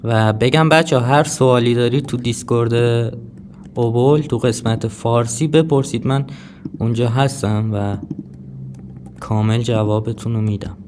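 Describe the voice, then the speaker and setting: A man's voice: medium pitch, fairly even intonation, background noise. Hesitant man walking viewers through a tutorial. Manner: hesitant, many filler sounds, addresses viewers directly. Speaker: crypto tutorial presenter. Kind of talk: casual screen-recorded tutorial.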